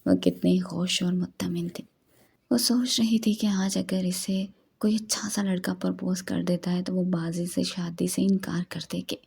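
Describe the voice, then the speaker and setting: A woman narrating a romance novel as an audiobook in a steady storytelling read. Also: fairly low pitch, a little slow, creaky, breathy edge.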